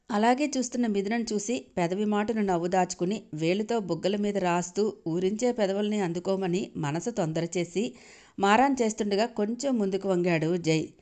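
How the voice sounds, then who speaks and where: A woman storyteller giving an expressive scripted narration of a serial audio drama and reading all the parts. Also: medium pitch.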